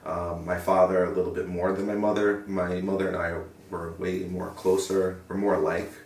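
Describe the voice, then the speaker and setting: A young man with a very low voice talks earnestly and reflectively in an interview, often stopping to find his words. He sits some way from the mic in a roomy space, with a faint hiss behind him. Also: little pitch movement, normal speed, a little mellow. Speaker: interviewee, paramedic. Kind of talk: sit-down interview. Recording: roomy sound from a distant mic.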